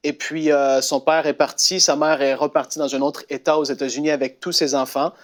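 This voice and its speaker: Animated Québécois man telling a story. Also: fairly high pitch, brisk. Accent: Québécois French. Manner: animated, lots of fillers and restarts, breaks into laughter. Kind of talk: casual storytelling of a testimony.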